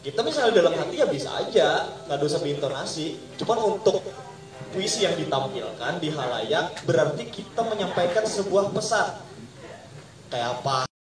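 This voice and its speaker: A man's voice: fairly high pitch, big pitch swings, normal speed, music in the background. A man leading an informal poetry reading workshop, quizzing the group in call-and-response. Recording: echoey room, mic far off.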